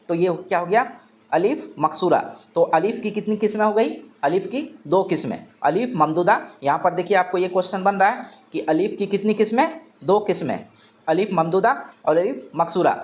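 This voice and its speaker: A male teacher with a high-sitting voice gives an exam-prep grammar lesson. He poses questions and answers them himself, repeating key terms.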